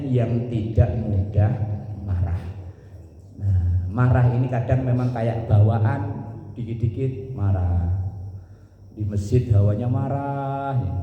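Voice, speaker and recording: A middle-aged man preaching a humorous sermon in a mosque, telling jokey stories, acting out other people's lines and breaking into sudden loud bursts. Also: mid-range voice, a little hiss or hum. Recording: echoey mosque hall with long reverb.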